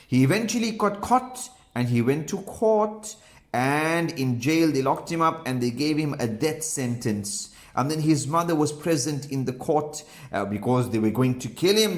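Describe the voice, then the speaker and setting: A man telling a moral story to children, slow and animated with frequent ums and pious phrases. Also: a little high.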